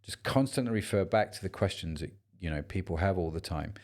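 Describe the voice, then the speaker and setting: A man's voice: low-pitched, lively intonation, a little fast, darkish tone. A man co-hosting a business podcast, talking in a chatty, rambling way and joking around. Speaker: podcast co-host. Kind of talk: casual podcast chat.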